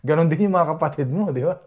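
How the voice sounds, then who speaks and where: Talking fairly quickly in a fairly high, slightly mellow voice, this man from the Philippines vlogs casually for his audience from Edmonton, Canada. He often asks "di ba?" to confirm they're with him.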